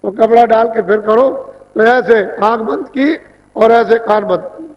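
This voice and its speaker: A man's voice: extremely high pitch, measured pace. A man giving a devotional sermon as a spiritual teacher, instructing in a plain, repetitive way. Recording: dull lo-fi 1990s tape recording.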